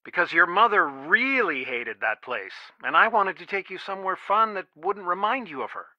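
Through a dry, phone-like band-limited filter, a game actor plays a protective, anxious middle-aged father pleading earnestly on one end of a call. His voice sits high with lively intonation, a sharp tone and moderate pace, fully in character, with no room sound. The naturalistic dialogue feels tender and wistful.

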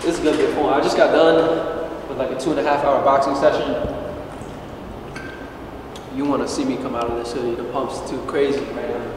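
A young man chats in a loose, slangy vlog style, still winded from training. His voice sits at an ordinary pitch and rings out from a distance in a very echoey room with a long tail. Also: little pitch movement, moderate pace, pauses often, background noise. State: out of breath after training. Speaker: fitness YouTuber. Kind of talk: casual vlog chat. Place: gym.

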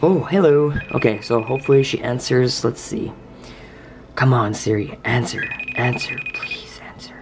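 A man hosting a casual vlog, talking in jumpy, scared exclamations and sometimes dropping to a hush. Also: mid-range voice, moderate pace, background noise. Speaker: YouTuber host.

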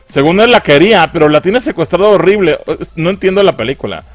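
A man's voice: high voice, lively intonation, quick pace, no echo. A man with a Mexican accent giving a casual, profane film review. He mocks the movie and laughs often.

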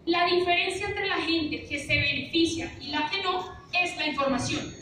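In a very high voice with a sharp tone and moderate pace, a young woman leads a motivational finance seminar, punchy and rhetorical, repeatedly asking the room "¿listo?". Someone in the audience records on a phone camera from a distance in a large lecture room with a projector screen, giving echoey audio with a faint hiss.

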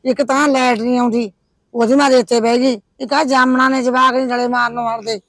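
A woman's voice: fairly high pitch, level tone, brisk, a bit bright, no echo. A woman playing a gossipy, complaining old village woman, with a Punjabi accent. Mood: gossiping. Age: older. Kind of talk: village comedy drama.

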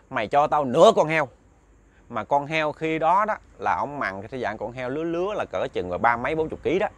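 A man's voice: mid-range voice, fairly bright tone. A man retelling a ghost story in a loose, conversational way, full of fillers and repeated words.

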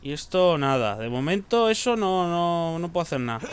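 A man's voice: a little high, sing-song, normal speed, slight background noise. A man giving casual gameplay commentary, muttering to himself, joking and swearing as he plays. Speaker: gaming streamer.

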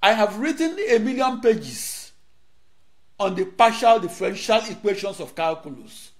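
This middle-aged Nigerian lecturer, a native Igbo speaker, sounds animated, and his voice sits high. Filmed in a studio with a lapel mic, he delivers rehearsed material in brief declaimed phrases and dramatic pauses.

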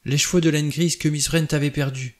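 Man reading aloud as a shaken young woman, voice lifted high, trembling with horror. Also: expressive, moderate pace, a little mellow, natural voice. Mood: horrified hush.

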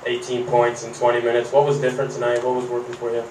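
A male sports reporter asking plain, measured questions at a press conference. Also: medium pitch, monotone. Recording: echoey room from a distance, faint hum.

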